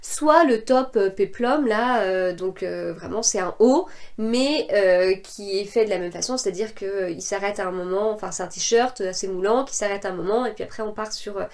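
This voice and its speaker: A woman's voice: mid-range voice, moderate pace. A woman in her thirties or forties from France, chatting casually about her sewing projects with many hesitations and restarts. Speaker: sewing podcaster.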